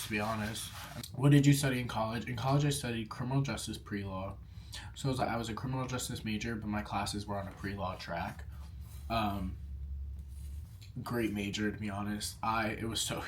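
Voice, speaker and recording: Eating on camera, a food vlogger in his early twenties fields viewer questions in a chatty mukbang Q&A, peppering his talk with "like" and speaking between bites. He has a fairly low voice, and a slight hiss or hum runs under the recording.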